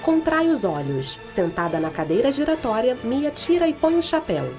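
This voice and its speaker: A woman narrates scripted audio description. Her voice is fairly high with lively intonation, and soft music plays faintly behind her. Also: moderate pace.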